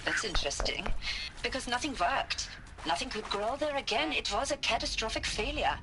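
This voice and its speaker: An actress playing a haunted scientist and war veteran who speaks in a reflective, quietly intense way in a game. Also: female voice, fairly high pitch, very animated, moderate pace, low-quality recording. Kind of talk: game voice acting. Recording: game audio with music behind.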